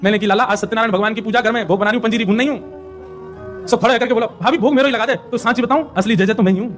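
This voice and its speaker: A man's voice: very high-pitched, very fast, faint music behind. Man doing an indignant village milkmaid. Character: complaining village milkmaid, aggrieved woman.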